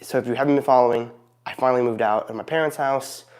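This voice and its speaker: A man's voice: medium pitch, steady tone, fast, darkish tone. Man, mid-range voice, vlog host, casual and unscripted, goofy, rambling, self-interrupting. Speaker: video channel host. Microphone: recorded beside a noisy heating fan.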